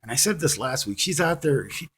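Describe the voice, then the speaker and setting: A TV-episode reviewer delivers a casual, rambling rant to camera, self-deprecating and peppered with "you know"s and restarts. His voice is on the high side, animated and fairly quick, with a husky, fairly bright tone.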